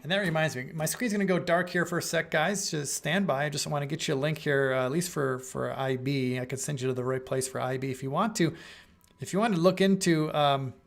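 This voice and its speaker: A middle-aged man hosting a live trading room answers viewer questions, rambling casually and thinking aloud with fillers and restarts. His voice is on the high side, creaky, and fairly quick. He's losing his voice a bit and clears his throat.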